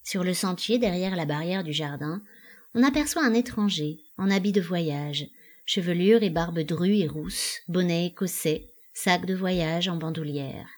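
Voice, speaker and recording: A woman calmly reading the stage directions of a play in an even, unhurried way. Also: lowish voice. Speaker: audiobook reader.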